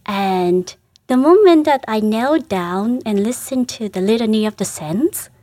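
A woman from Vietnam, a Vietnamese native speaker with a Vietnamese accent, speaks as a religious sister in an interview, gently and earnestly, with frequent restarts and soft laughs. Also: fairly high pitch, expressive, unhurried, no echo. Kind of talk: emotional personal reflection.

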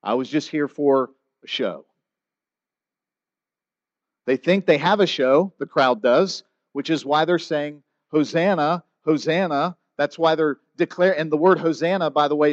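A man's voice: fairly high pitch, unhurried, dry recording, highs cut off. A male pastor preaching a sermon in a conversational way, acting out the voices of the people he quotes.

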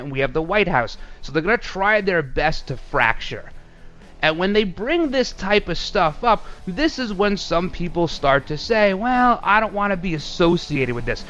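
A man's voice: on the high side, fairly bright tone. A man hosting a talk show with blunt, emphatic, conversational political commentary. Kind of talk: casual opinionated political commentary.

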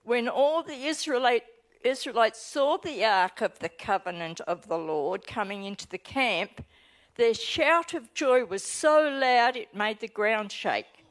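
Earnest and deliberate, a woman pastor with an Australian accent reads scripture and preaches, occasionally hesitating a little. Her voice sits slightly high and moves with lively intonation.

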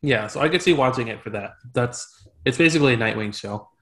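A man hosting a casual podcast chat, relaxed and trailing off into mumbled asides. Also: medium pitch, fast talker. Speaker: podcast host.

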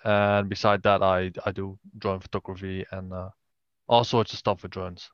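A man giving a casual interview as a podcast guest, speaking haltingly with many hesitations. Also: low voice, level tone, fairly bright tone, clear, resonant tone, no room sound, dull audio. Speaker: podcast guest, travelling videographer and drone photographer.

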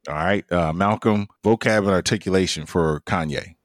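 Deep-voiced man hosting a podcast. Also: normal speed, no room sound, studio quality. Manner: laughs easily, steady moderating. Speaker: podcast host. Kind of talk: casual podcast discussion.

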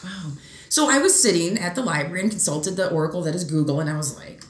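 A woman in her thirties from Michigan, a guest on a casual podcast chatting and telling a story with animated asides. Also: fairly low pitch, fast talker, reverberant. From Michigan, USA. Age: 30s. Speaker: guest, ghost hunter and librarian.

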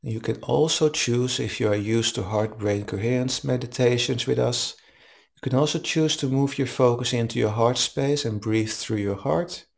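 A man leading a guided meditation as a teacher, speaking in a calm, soothing manner with long pauses. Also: medium pitch, creaky. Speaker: meditation teacher leading a live online session.

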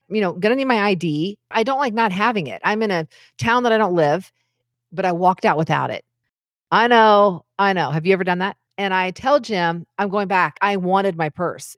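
A woman hosts her own podcast and tells a story in a chatty, candid way, laughing at herself. Her voice sits a little low. The sound is dry and close, with no room around it. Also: no room sound. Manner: chatty, candid and self-deprecating. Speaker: podcast host. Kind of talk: casual storytelling monologue.

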